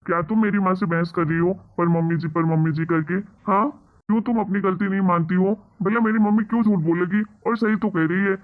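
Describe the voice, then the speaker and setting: A man's voice: sits high, steady tone, a little fast, close to an everyday voice. A man voicing a short-tempered young husband in a cartoon story, scolding and bossy toward his wife. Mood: angry. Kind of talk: animated cartoon voice acting. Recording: tinny phone-like sound.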